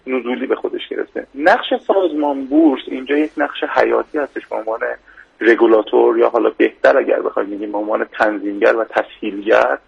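A man answering as a financial expert in a formal radio interview, measured and stopping often for hesitation fillers. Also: medium pitch, creaky, slightly rough, highs cut off.

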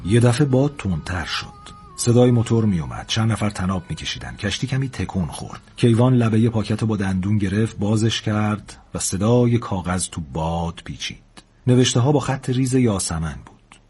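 A man calmly narrating a story aboard a ship. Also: on the low side, hardly any pauses.

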